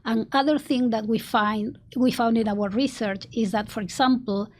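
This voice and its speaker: Speaking with an Argentine Spanish accent, this native Spanish-speaking marketing executive gives earnest interview answers full of restarts and soft laughs. Her voice sits on the high side, steady in tone, at a moderate pace.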